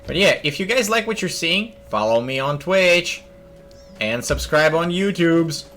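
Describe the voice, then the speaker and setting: A young man streams himself playing a video game, joking and narrating his thoughts in a slightly high, animated voice. His tone is sharp and his delivery a little slow, with faint game music in the background.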